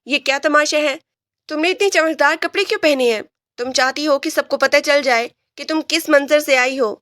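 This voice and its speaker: Woman doing a rude bossy male police officer, scornful, barking, high bright voice, dry close sound. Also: no room sound. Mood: harsh, commanding.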